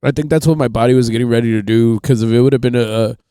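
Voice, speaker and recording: A man's voice: mid-range voice, rapid-fire, mellow, clean tone, no room sound, clean studio sound. A man telling a rambling, profane story on a casual podcast, full of fillers. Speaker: podcast host.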